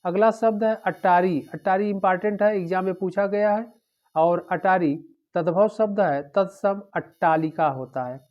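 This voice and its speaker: A man teaching an exam-prep lecture, drilling through word pairs one after another in a steady, repetitive way. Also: high voice, moderate pace. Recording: dull lo-fi recording.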